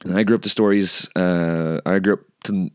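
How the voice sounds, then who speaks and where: A man with a low voice hosts a podcast, relaxed and earnest, now and then restarting a phrase. The sound is dry and close, with no room around it. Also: moderate pace, clean tone, no echo. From United States. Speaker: podcast host. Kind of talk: podcast intro and interview. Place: California.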